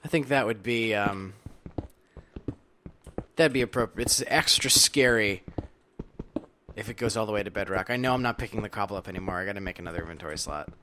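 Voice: low-pitched, brisk, pauses often, pushed and bright, slight background noise. A video game host giving casual, playful commentary while playing, chatting to themself with silly asides. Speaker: let's play host.

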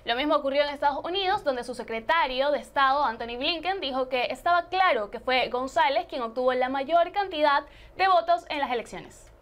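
A woman's voice: high-pitched, lively intonation, brisk, hardly any pauses, a bit bright. A young woman presenting a satirical student news show in a studio, playful and sarcastic, on a lapel mic. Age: young adult. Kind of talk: scripted satirical news reading.

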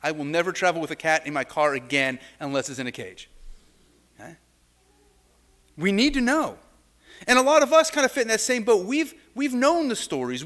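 In a church sanctuary, a middle-aged pastor stands at the lectern and preaches in a high-pitched, somewhat bright voice. Heard from a distant camera, he speaks loosely and conversationally, breaking off to restart and adding asides.

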